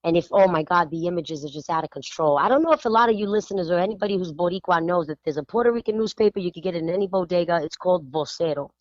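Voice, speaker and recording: A woman from Spanish Harlem, hosting a radio show in animated, emphatic casual chat. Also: fairly low pitch, racing, hardly any pauses, no room sound, lo-fi sound. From New York (Spanish Harlem). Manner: animated, emphatic, lots of "you know".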